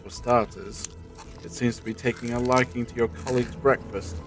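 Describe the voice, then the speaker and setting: A man playing a confident, sly, eccentric time traveller in an audio drama, speaking theatrically and deliberately with old-fashioned turns of phrase. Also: mid-range voice, steady tone, music in the background, close to an everyday voice. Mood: intrigued.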